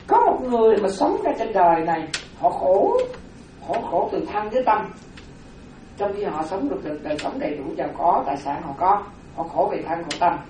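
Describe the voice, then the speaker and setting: A woman's voice: mid-range voice, a little mellow, muffled recording, a little hiss or hum. Woman giving a Dharma talk in an echoing hall. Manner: repetitive, explanatory, rhetorical questions. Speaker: Buddhist Dharma teacher. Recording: very echoey hall from far off.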